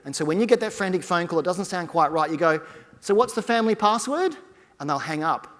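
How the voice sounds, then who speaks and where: A man gives a keynote from a conference stage, speaking with energy and addressing the crowd directly. His voice sits a little on the high side. It carries a long hall reverb. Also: fast, a bit bright.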